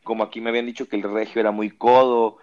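A man in his thirties from Veracruz with a Veracruz Mexican accent, chatting casually in a loud, slangy way and laughing often. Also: on the low side, flat delivery, fast, highs cut off. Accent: Veracruz Mexican Spanish. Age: 30s. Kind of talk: casual chat.

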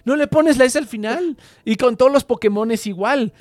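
A man's voice: very high-pitched, moderate pace, dry recording, studio quality. A man with a Mexican Spanish accent, trading brash, profane, insistent banter in a casual chat among friends.

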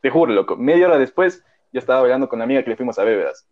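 This podcast co-host, a young man, talks very fast in a mid-range, expressive voice while telling a meandering, slang-heavy story full of fillers during casual conversation. Sound quality is dull lo-fi.

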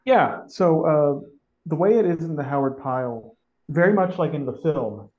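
A man's voice: a little high, lively intonation, moderate pace. Enthusiastic man on a dull recording. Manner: enthusiastic, restarts often. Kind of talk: casual chat and reading aloud. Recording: dull lo-fi audio.

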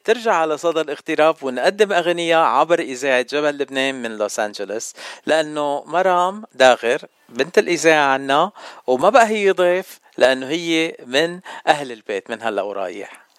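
Man, Lebanese accent, radio interviewer, fast talker, slightly high smooth voice, dry sound. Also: expressive, fairly bright tone, no echo. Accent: Lebanese Arabic. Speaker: radio host.

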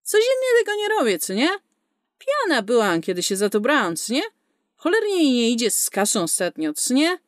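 A woman's voice: on the high side, big pitch swings, unhurried, no echo, studio quality, voice pushed up. A woman voicing a foul-mouthed, sarcastic young female space smuggler in a storybook reading. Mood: brash. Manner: cursing, sarcastic, tough.

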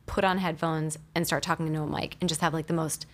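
A woman entrepreneur chatting as a guest in a studio interview, talking fast and loose with plenty of "like" fillers. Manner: chatty, fillers of "like", lively pitch swings. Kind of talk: casual interview chat. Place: recording studio. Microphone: studio microphone.

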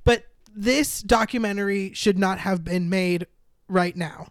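A woman's voice: mid-range voice, unhurried, dry recording, clean studio sound. A woman co-hosting a podcast, chatting casually with strong opinions and frequent laughs. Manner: opinionated, dramatic, laughs often. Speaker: podcast co-host. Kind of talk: casual chat.

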